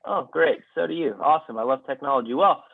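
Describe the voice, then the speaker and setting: A man co-hosting a casual sports podcast, rushed and flustered, heard through a muffled bluetooth headset mic that sounds underwater. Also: medium pitch, gravelly, breathy edge. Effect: muffled, garbled bluetooth headset mic that sounds underwater. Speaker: podcast co-host. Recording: tinny phone-like headset line.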